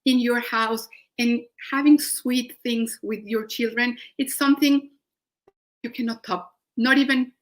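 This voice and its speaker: A woman's voice: on the high side, steady tone, unhurried. A woman with a Mexican accent giving a live baking demonstration, enthusiastic and full of restarts. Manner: warm, enthusiastic, with frequent restarts. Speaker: cooking demonstrator.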